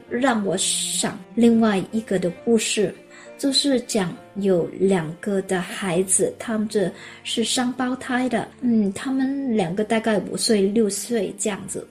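A woman's voice: on the high side, unhurried, soft background music. Storytelling woman preacher. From Hong Kong. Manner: lively storyteller who acts out her own exclamations. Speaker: preacher sharing a testimony. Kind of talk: storytelling sermon.

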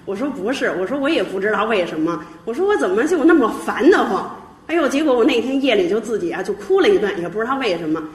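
A middle-aged woman giving a lively personal testimony, chuckling as she tells it. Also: a little high, fast talker, echoey room. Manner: lively storytelling, chuckling often.

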